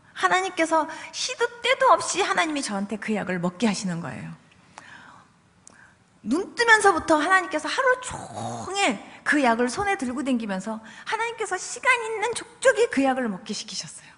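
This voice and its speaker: A woman pastor giving a testimony sermon, telling her story in an animated way and acting out her own and her family's words. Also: sits high, big-room sound.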